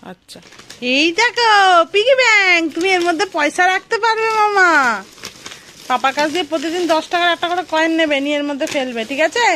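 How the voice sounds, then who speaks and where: A young woman, a mother, talking excitedly and coaxingly to her small child in a casual family vlog. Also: high voice, a little hiss or hum. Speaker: mother and vlogger.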